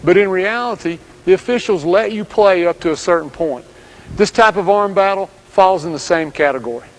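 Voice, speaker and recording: A man giving scripted instructional narration as a basketball coach, speaking in steady, direct commands. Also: sits high, moderate pace, low-quality recording.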